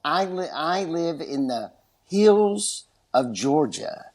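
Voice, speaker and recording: A man's voice: on the high side, expressive, slow, darkish tone. A man with a West Texas twang, chatting casually and enthusiastically as a podcast guest. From West Texas, USA. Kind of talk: casual chat.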